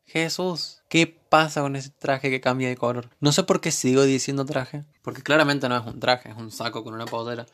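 A man's voice: mid-range voice, fairly even intonation, normal speed, hardly any pauses, fairly bright tone. A man with an Argentine accent recapping a TV series episode in a casual, sarcastic way with joking asides. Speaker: TV series reviewer.

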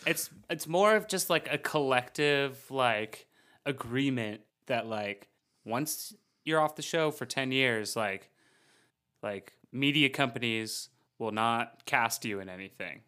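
A man co-hosting a comedy podcast, explaining himself haltingly with many "like"s. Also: mid-range voice, sharp tone. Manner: halting, says "like" a lot. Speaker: podcast co-host. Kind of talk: casual chat.

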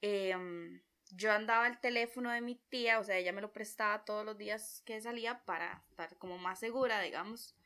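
A young woman with a Costa Rican accent, telling a personal story in a chatty, expressive vlog style and acting out her own reactions. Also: medium pitch, brisk. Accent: Costa Rican Spanish. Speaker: vlogger.

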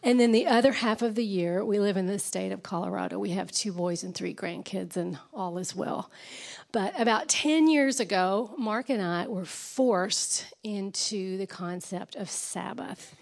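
Hoarse, raspy older woman. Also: mid-range voice, unhurried. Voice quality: raspy, strained. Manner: chatty, self-deprecating. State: hoarse, nearly lost voice. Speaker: guest speaker. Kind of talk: informal talk to a church audience.

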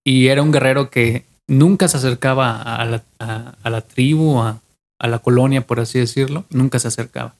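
A young man with a Mexican accent tells an old legend on a casual podcast. He pieces the story together from memory, circling back over his words and restarting phrases as he goes. His voice sits at an ordinary middle pitch. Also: fairly even intonation, moderate pace, vocal fry, darkish tone. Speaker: podcast co-host.

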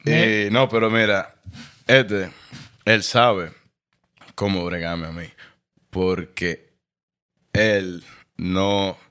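A man tells his story in a relaxed podcast chat. His voice sits low but sounds bright and forceful, and he acts out quotes with lively expression. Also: drawn-out words, long pauses, clean tone. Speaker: guest.

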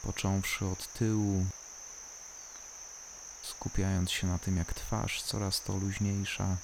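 Calm deep voice doing guided relaxation, super slow w long pauses, some cricket noise in back. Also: creaky. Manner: calm, unhurried, soothing delivery with long pauses. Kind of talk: slow guided body-scan meditation.

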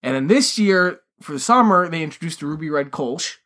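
A man's voice: on the high side, animated, fairly quick, sharp tone. A man co-hosting a podcast in casual chat, rambling and swearing freely as he talks. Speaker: podcast co-host.

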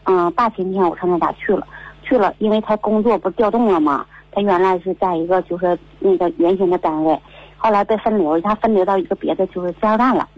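A woman's voice: on the low side, fast talker, dry recording. A woman, calling in to a radio advice show and telling her story with many fillers over a muffled line. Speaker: caller. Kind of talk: phone-in advice call.

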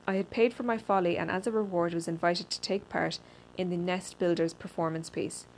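A woman's voice: fairly low pitch, steady tone, fairly quick, a little mellow, slight background noise, low-quality recording. Woman reading a wry personal essay aloud. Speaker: reader.

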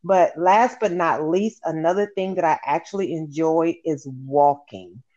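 A guest sharing personal habits in a measured, reflective way. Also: mid-range voice, darkish tone. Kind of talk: casual interview chat. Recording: dull lo-fi line.

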